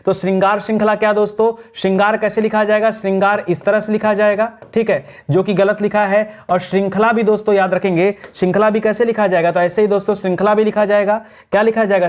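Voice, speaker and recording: A man teaching an exam revision class, explaining correct spellings and drilling answers with repeated rhetorical questions. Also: sits high. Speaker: Hindi grammar teacher.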